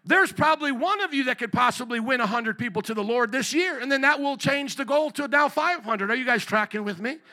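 Through the pulpit mic of a church sanctuary, a pastor delivers his sermon in a high, bright, forceful voice, fairly quick and with few pauses. Emphatic call-and-response shapes it as he presses the congregation to answer.

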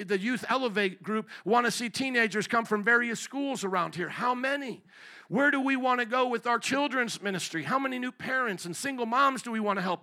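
A man preaches through a pulpit microphone with a high, bright, forceful voice. He drives the sermon with emphatic call-and-response, pressing the congregation to answer him. The sound is that of a church service picked up at the pulpit. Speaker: pastor. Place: church sanctuary.

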